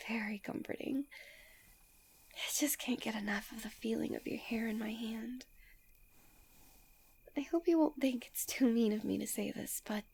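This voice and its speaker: Woman playing a breathy whispered role-play fox-spirit wife. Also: on the high side, full character voice. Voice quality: breathy, soft. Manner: slow, intimate, gentle, soothing delivery. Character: doting, possessive fox-spirit wife, adoring and tender.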